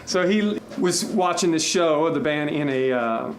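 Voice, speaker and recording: A man in his thirties, a musician from Washington, chatting in an interview, rambling with quick restarts. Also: fairly high pitch, noisy background. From Tacoma and Spokane, Washington. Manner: rambling, animated storyteller with restarts. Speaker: musician guest. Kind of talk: casual interview chat.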